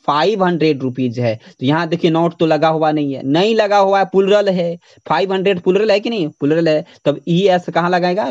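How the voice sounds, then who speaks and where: A man's voice: a little high, darkish tone, muffled recording. A man teaching English grammar in a lecture, explaining step by step, repeating points and spelling words out letter by letter. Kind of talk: lecture to students.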